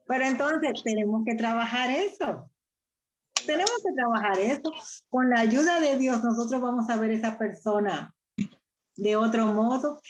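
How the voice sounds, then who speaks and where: An encouraging woman hosts a church chat, affirming the speakers with amens. Her voice sits a little high, with a faint noise underneath. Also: poor audio. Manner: encouraging, with frequent amens and agreements.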